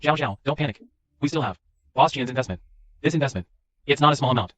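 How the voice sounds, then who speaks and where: A man's voice: mid-range voice, quick pace, fairly bright tone, natural voice. A man playing a businessman in a dubbed corporate romance melodrama. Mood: anxious reassuring. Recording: music under the dialogue.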